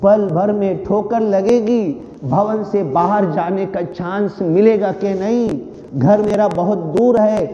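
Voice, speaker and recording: A man's voice: high voice, slow, dark tone. A man giving a devotional sermon, earnest and fervent, repeating phrases with rising feeling. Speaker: preacher. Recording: dull, echoey hall recording.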